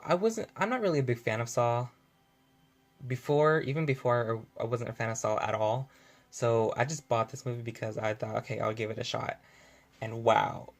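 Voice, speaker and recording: Gravelly-voiced young man rambling casually. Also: mid-range voice. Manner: rambling, filler-heavy, self-correcting. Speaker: vlogger. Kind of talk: casual unscripted video review.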